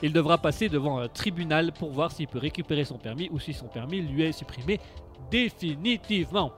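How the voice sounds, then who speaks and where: Man, high voice, radio host, rambling and sarcastic, faint music underneath. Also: brisk. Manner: rambling, sarcastic, many fillers and restarts. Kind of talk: casual news chat on live radio.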